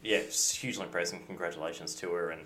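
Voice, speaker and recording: Low-voiced dry Australian man. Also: steady tone, fast, bright, forceful tone. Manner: dry, jokey, short agreements. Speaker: podcast co-host. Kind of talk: casual podcast chat.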